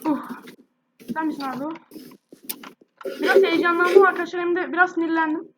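A woman's voice: extremely high pitch, a little fast, heavy background noise. A woman with a sore, irritated throat, chatting casually to viewers as a gaming youtuber. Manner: chatty, addresses viewers directly. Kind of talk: casual gameplay commentary.

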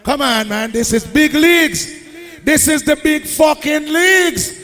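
A man hyping a sound clash as selector and MC, shouting and chanting in patois in a dance hall. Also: very high-pitched, a little slow. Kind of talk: hype MC talk over a live dance. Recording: long hall reverb with loud music. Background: reggae music.

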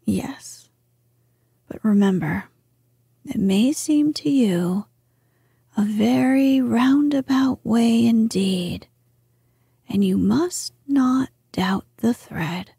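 A woman voicing a gentle, wise and very old grandmother in a slow, hushed whisper, reading a storybook. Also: on the high side, gravelly, husky, no echo, studio quality, heavily acted. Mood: gentle assurance. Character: ancient wise grandmother lady, gentle and calm.

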